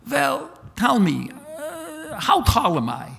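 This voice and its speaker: A man's voice: extremely high pitch, huge pitch swings, takes it slowly, gravelly, a bit bright, pitched above the performer's own voice, exaggerated voice. A man voicing a chatty, lonely blind man in a joke, pleading with eager questions, in a large reverberant hall.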